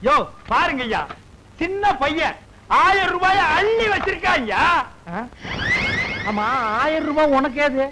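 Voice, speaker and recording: An actor playing a middle-aged village barber uncle in a film, ranting and mocking loudly. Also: male voice, extremely high pitch, expressive, a little hiss or hum, heavily acted, rough recording. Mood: boastful. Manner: loud, fast, mocking comic rants. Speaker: comic uncle.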